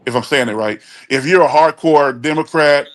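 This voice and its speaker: Speaking at a moderate pace in a voice on the high side, this forties-aged man from Chicago, USA, chats casually about his opinions as a call-in talk show guest. He's blunt and emphatic, often starting his sentences over.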